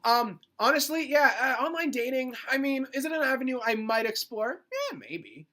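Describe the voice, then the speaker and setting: A man's voice: extremely high pitch, expressive, moderate pace, pushed and bright. A young man with a Canadian accent co-hosting a casual podcast, laid-back and joking. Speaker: podcast co-host. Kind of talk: casual chat.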